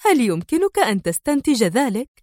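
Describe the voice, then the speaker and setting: A woman voicing a clever female spy in disguise who talks in a calm, sly and sarcastic way. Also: a little high, a little fast, no echo, clean studio sound.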